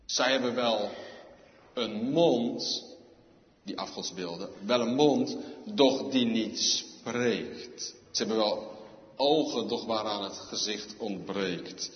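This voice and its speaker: Male pastor preaching real slow, big reverb church hall, bit muffled lo-fi sound. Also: on the low side. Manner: slow, solemn preaching with sudden loud emphatic outbursts. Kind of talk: sermon.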